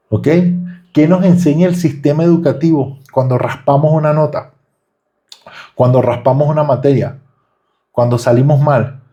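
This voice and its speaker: A man's voice: a little high, dark tone, dull audio. A man teaching a live online trading class, who keeps firing rhetorical questions at his students. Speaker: trading instructor.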